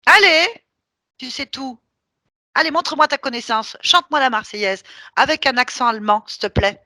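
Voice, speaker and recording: A woman's voice: a little high, fairly quick, bright, forceful tone, dry recording, clean studio sound. A woman leading a hypnosis session, giving firm, teasing commands.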